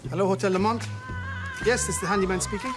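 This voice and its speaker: A man's voice: high-pitched, quick pace, over a noisy crowd, close to an everyday voice. An actor playing an earnest, self-satisfied hotel handyman in a sitcom, with a droll, matter-of-fact manner. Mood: earnest, flustered. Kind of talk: multi-camera sitcom acting. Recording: TV soundtrack with loud music and audience.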